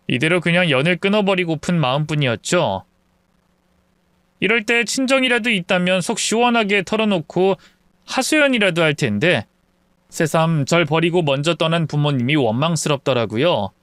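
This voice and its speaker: A man narrating a first-person family story in a measured, even storytelling manner. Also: fairly high pitch, clean tone, no echo.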